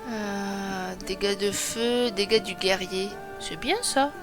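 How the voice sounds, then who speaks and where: A woman's voice: mid-range voice, slow. A woman giving chatty, self-mocking let's play commentary, thinking aloud as she plays. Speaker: gaming streamer. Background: game music.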